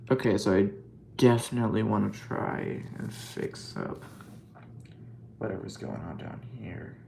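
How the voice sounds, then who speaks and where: Gravelly guy rambling about fixing a model kit, lots of ums, faint hum behind him. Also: lowish voice, animated, measured pace, a little mellow. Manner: rambling, self-joking, lots of fillers. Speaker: scale model builder. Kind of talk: casual hobby vlog commentary.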